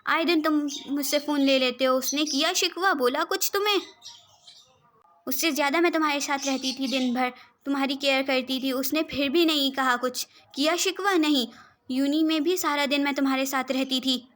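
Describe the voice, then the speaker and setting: A blunt young woman scolds and demands answers in a high, sharp-edged storybook voice, read by a woman. She presses without letting up. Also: normal speed. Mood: scolding. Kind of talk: storybook role reading.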